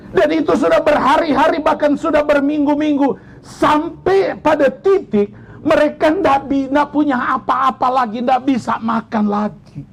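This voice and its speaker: A male pastor telling a story in a sermon, animated and climbing higher as the tension builds. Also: gravelly, a little hiss or hum. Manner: animated, rising to high pitch when building tension. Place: church service.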